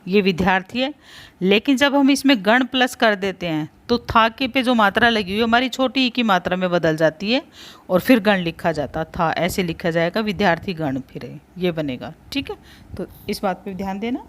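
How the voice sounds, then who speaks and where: A woman teaching spelling at a middle pitch. She is patient and careful, spelling words out piece by piece and repeating what matters, in plain classroom talk mixed words. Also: lively intonation, normal speed. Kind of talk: spelling lesson for exam prep.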